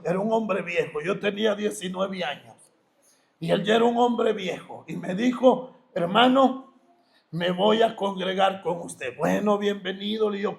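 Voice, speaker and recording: Shouting high-voiced male preacher, slow and gravelly. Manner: preaching with shouted, emphatic bursts; drops to a hushed storytelling voice. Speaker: pastor. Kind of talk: sermon.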